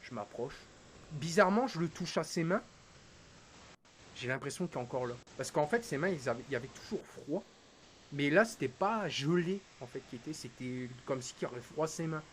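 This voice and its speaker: A male streamer recounting a personal loss in halting, emotional storytelling, his voice dropping to a hush and then rising again. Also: a little high, animated, rough recording. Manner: halting, quotes dialogue, swings between hushed and raised. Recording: hissy background noise.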